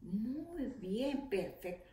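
A woman teacher leading an early reading lesson for young children, slowly sounding out letters and syllables. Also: a little high, very animated, dark tone. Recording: echoey room.

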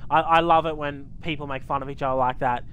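High-voiced Australian man joking around. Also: fairly even intonation, fast talker, narrow, tinny audio, slight background noise. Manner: joking, teasing. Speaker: player. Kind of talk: casual gaming chat.

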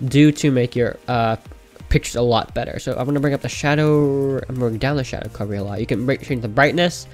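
Guy doing a casual computer tutorial, nasal voice like his nose is pinched, music in there. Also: a little high. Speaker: software tutorial host. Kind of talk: casual screen-recorded tutorial narration.

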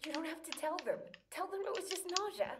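A desperate, high-voiced pleading woman. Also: animated, fast, far from the mic, a crowd in the background. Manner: emotional, pleading. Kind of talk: dramatic video game acting.

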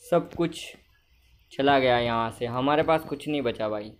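A young man giving casual commentary on his own gameplay, chatty and talking to himself, at times loud and scolding at the game characters. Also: mid-range voice, moderate pace, slight background noise. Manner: chatty, talks to himself, keeps saying brother. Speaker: gamer.

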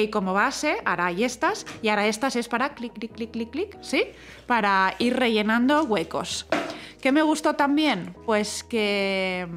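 A woman's voice: fairly high pitch, a bit bright. Chatty woman with a Spain Spanish accent. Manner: chatty, exclamatory, thinks aloud while doing chores. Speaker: home decor vlogger. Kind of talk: casual vlog chat to viewers.

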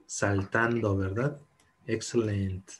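A man's voice: lowish voice, level tone, takes it slowly, slightly rough. A man teaching English to children in an online class, patient and encouraging, mixing English and Spanish. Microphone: video call.

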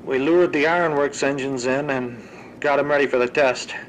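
At normal speed and with a medium, fairly even pitch, a man sounds close to his everyday voice while narrating a scripted audio log. He portrays a male researcher coolly and tersely recording grim monster experiments for a horror fan drama. Slight background noise comes through on the rough recording.

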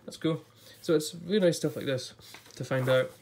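Seated at a table before a blue backdrop, a YouTuber leafs through an illustrated book for a casual vlog, chatty and musing aloud. His fairly high, darkish voice has vocal fry and comes at normal speed, and it's a bit off since he's getting over an illness. There's slight background noise.

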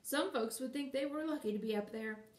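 A woman's voice: high-pitched, a little fast, darkish tone, natural voice. A woman voicing a cheerful, easygoing male scarecrow who talks in a mild, reassuring way, recorded in a roomy space from a distance.

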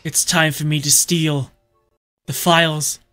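A let's-play commentator giving jokey, theatrical gameplay commentary and prone to shouting. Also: mid-range voice, flat delivery, slow pace, soft background music.

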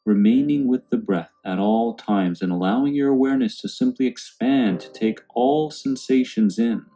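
A man with a low, mellow voice narrates a guided meditation, his instructions calm, soothing and unhurried. Music plays in the background.

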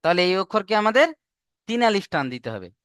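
A man's voice: high-pitched, sing-song, brisk, fairly bright tone, clear, resonant tone, dry recording, studio quality. A man teaching an online Arabic alphabet class, patiently repeating each letter, drawing out the sounds and quizzing his students. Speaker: Quran reading teacher.

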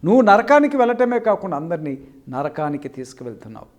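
Fiery male preacher with a very high-pitched voice, scolding and full of rhetorical questions. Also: big pitch swings, quick pace, dull audio. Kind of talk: Telugu sermon.

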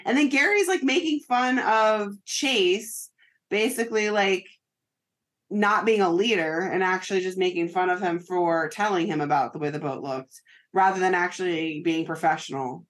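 A woman's voice: fairly low pitch, moderate pace. A woman co-hosting a podcast, casually recapping a TV episode in a gossipy, wry tone. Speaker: podcast co-host.

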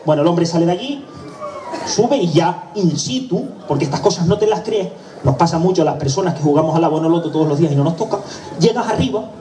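Echoey Canarian comic telling a story. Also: male voice, on the high side, lively intonation, fast, warm tone, distant mic, slight background noise. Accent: Canarian Spanish. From La Palma, Canary Islands. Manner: chatty storyteller with asides. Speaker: presenter and stand-up comedian. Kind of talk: live comic monologue. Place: live stage event.

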